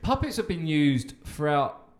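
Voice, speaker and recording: A man's voice: on the high side, big pitch swings, a little slow. A man from Essex with an Estuary English accent, hosting a casual chat with teasing, sweary banter. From Essex, England. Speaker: podcast host.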